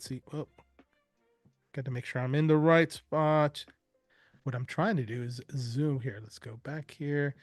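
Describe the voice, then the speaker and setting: A man presenting a live software demo, chatty and enthusiastic, rambling with fillers. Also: medium pitch, no room sound, studio quality.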